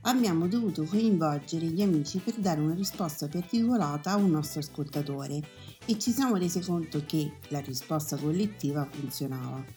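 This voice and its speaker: A woman's voice: sits low, brisk, mellow, soft background music. A woman opening a podcast with a welcoming scripted introduction. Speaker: podcast host.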